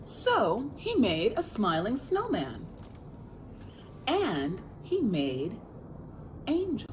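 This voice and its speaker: A woman's voice: fairly high pitch, huge pitch swings, extremely slow, slight background noise. An American woman reading a picture book aloud as a children's librarian, expressively, speaking directly to young listeners.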